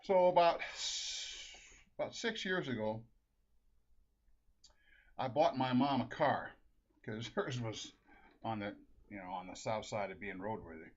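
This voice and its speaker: Unhurried and on the low side, with long pauses, this middle-aged Minnesotan storyteller rambles through a casual family anecdote. He laughs a lot and keeps restarting sentences, and the lo-fi recording sounds dull.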